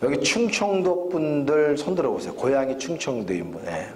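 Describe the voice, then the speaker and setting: A man's voice: fairly high pitch, very animated, moderate pace, darkish tone. A man preaching as guest pastor at a church revival service, joking with the congregation and asking them questions. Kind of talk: revival sermon. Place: church sanctuary.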